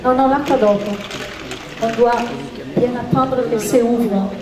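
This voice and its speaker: A woman's voice: a little high, steady tone, unhurried. A woman from Italy with an Italian accent and foreign-sounding, imperfect French, explaining a recipe in a live cooking demonstration. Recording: echoey room with crowd noise.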